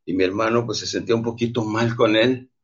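A man's voice: fairly low pitch, steady tone, a little fast, breathy edge. A middle-aged man with a Mexican accent giving an emphatic motivational talk, urging listeners to forgive. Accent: Mexican Spanish. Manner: emphatic, preachy, calls listeners "campeones". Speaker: motivational speaker. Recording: dull lo-fi audio.

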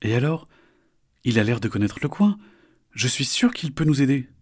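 A man's voice: mid-range voice, very animated, moderate pace, voice pushed up. A man doing a naive, chirpy young turtle. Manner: naive and bouncy.

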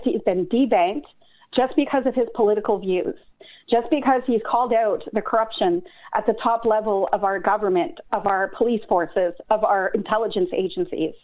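Earnest female caller, phone-line sound, middle pitch. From Canada. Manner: earnest, urgent, getting emotional. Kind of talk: phone-in call.

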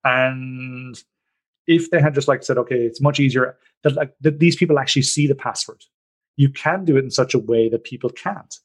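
With a husky, medium-pitched voice at a normal speed, this Irish man hosts a casual podcast chat. He's a rambling, jokey storyteller who keeps things chatty.

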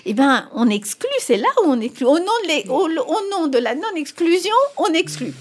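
Speaking as an expert guest in an interview, a middle-aged woman whose first language is Spanish makes her points emphatically, her pitch rising sharply on the important ones. She sounds expressive and keeps a moderate pace.

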